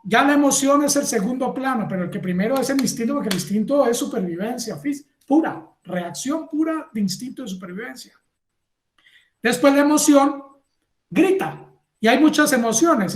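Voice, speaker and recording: Animated lecturer in an echoey room. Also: male voice, very high-pitched. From Colombia. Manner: animated, acts out little scenes and asks the class for agreement. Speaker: university lecturer. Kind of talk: classroom lecture.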